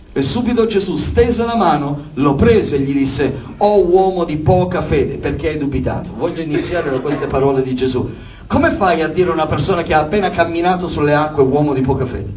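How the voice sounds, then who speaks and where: Animated Italian-speaking male preacher, distant mic. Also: a little high, slight background noise. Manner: animated, acts out the voices of the figures he tells of. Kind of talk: sermon.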